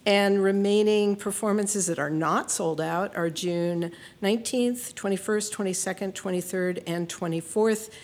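A woman plugging a theater production, briskly listing performance dates and a web address. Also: mid-range voice, darkish tone. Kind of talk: casual promotion.

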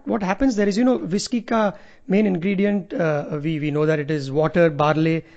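High-voiced North Indian man, mellow. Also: steady tone, normal speed, vocal fry. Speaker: co-host. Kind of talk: casual conversational chat. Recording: slightly dull, lo-fi audio.

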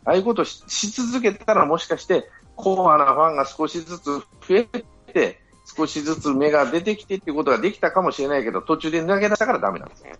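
Man, husky, quick and animated, assertive podcast panelist; dull lo-fi sound, faint music. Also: fairly high pitch. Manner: assertive, lecturing. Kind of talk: casual chat.

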